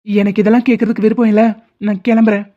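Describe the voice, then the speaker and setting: A woman voicing a calm, level-headed young man in a dubbed cartoon drama, speaking in a steady, firm way. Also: mid-range voice, very fast, lightly acted. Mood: stern. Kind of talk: Tamil cartoon dubbing. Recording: dull lo-fi recording.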